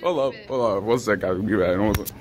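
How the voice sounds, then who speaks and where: A man's voice: lowish voice, fairly quick, crowd noise. A young man recording a casual school vlog on a phone held at arm's length, playful and laughing, repeating his words. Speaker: vlogger. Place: school hallways, indoors.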